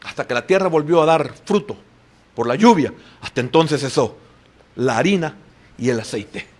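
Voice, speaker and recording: A man preaching a sermon in church. He talks straight to the congregation and swings between loud exclamations and hushed asides. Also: fairly high pitch, animated, moderate pace. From El Salvador. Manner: addresses the congregation directly and often as "hermano". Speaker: pastor.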